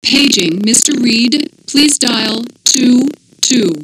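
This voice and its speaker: A soft hospital paging announcer. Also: female voice, on the high side, slow pace, a little hiss or hum. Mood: even. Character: calm adult woman paging over a hospital intercom. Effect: soft public-address paging announcement over a loudspeaker. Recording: distant loudspeaker voice over loud music.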